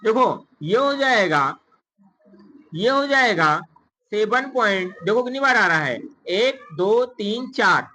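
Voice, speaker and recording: A woman's voice: medium pitch, lively intonation, slow pace, pushed and bright, low-quality recording. A woman teacher works through a lesson in a classroom, counting digits one by one and repeatedly asking her pupils to answer. She coaxes them patiently and switches freely into English number words. A faint hum of noise sits behind her voice. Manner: counts digits aloud and quizzes students with repeated questions; calls pupils "beta" in a coaxing tone. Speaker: math teacher.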